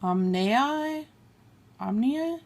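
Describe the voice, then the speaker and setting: A woman beauty vlogger speaks very slowly in a high, darkish voice with lively intonation, against slight background noise. She casually goes through a makeup haul, swatching shades on her arm and apologizing for name mispronunciations. A camera on a table films her hands.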